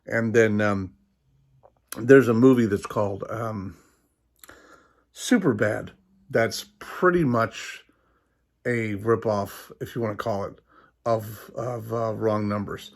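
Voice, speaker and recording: A man with a lowish, gravelly voice talks through a casual vlog chat. He rambles loosely, with plenty of ums and restarts as he goes. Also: takes it slowly, pauses often. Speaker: host.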